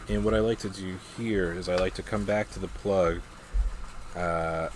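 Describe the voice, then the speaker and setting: A man with a very deep voice talks through a casual demonstration and review. He is measured and a little hesitant, thinking aloud as he goes. A clear rumbling noise sits behind his voice. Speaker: pipe tobacco reviewer. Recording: clear steady background noise, vehicle-like rumble.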